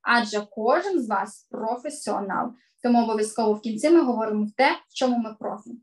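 Middle-aged woman voice coach, high pitch, online class, emphatic and clear. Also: expressive, fast talker. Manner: clear, emphatic teacher delivery, stresses key words. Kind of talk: online lesson to children.

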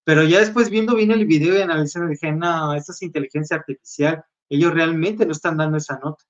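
An easygoing, chatty man co-hosts a gossip show. His voice sits a little high. The recording sounds dull and lo-fi. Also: quick pace. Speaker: show co-host. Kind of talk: casual gossip chat.

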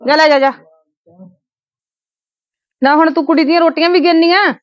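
Woman playing a quarrelsome aunt, comedy skit, high voice, dry close sound. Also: steady tone, moderate pace, no echo, highs cut off. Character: bickering older aunt, sharp-tongued yet soothing. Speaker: aunt (bhua). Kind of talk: Punjabi family comedy skit.

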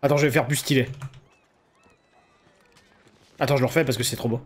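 A man's voice: medium pitch, fairly even intonation, racing. A man streaming a video game, chatting and joking casually with viewers and swearing freely. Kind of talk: casual live game commentary.

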